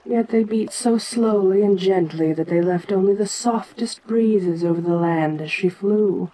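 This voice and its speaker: A woman plays an ancient giantess kaiju queen in an intimate audio roleplay monologue, her middling-pitched, warm, natural voice moving very slowly with regal deliberation. She muses imperiously, pausing often, in a fond, wistful mood, on a rough recording.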